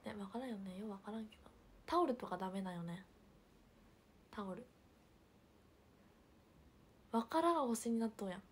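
A young woman livestreaming, chatting casually and reading viewer comments, with a hint of Hiroshima dialect and soft murmured asides. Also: mid-range voice, expressive, moderate pace, pauses often, a little hiss or hum. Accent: picking up Hiroshima dialect. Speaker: idol livestreamer.

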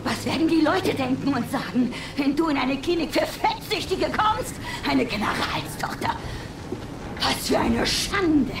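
A woman's voice: lively intonation, normal speed, few pauses, roomy sound. A woman playing a cruel, domineering middle-aged female general in a video game, taunting and barking theatrically. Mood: scornful. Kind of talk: German video game dub acting. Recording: distant, noisy, vehicle-like rumble.

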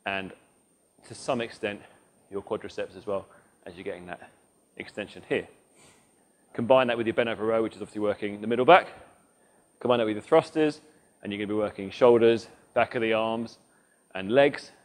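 A man's voice: lowish voice, fairly quick, pauses often. A man in his thirties, a fitness coach talking through exercises as he demonstrates them in a large indoor gym, on a lapel mic. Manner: instructive, demonstrates moves while talking. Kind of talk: workout demonstration.

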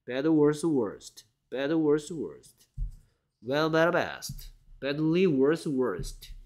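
A man's voice: on the high side, very animated, extremely slow, darkish tone. A man teaching an English grammar lesson, scolding students and acting out example sentences.

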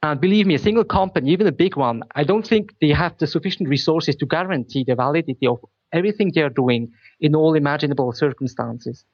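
A man's voice: a little high, quick pace, dry recording. Swiss-German-native man, dry and muffled. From Switzerland. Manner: careful, repeats words while searching for phrasing. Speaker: company founder, guest. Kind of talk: technical interview answers.

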